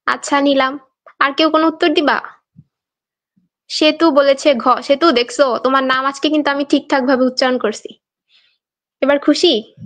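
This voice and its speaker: A young woman from Bangladesh teaches a live online exam class in a high voice. She talks in a chatty, coaxing way and reads out her students' answers. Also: a bit bright.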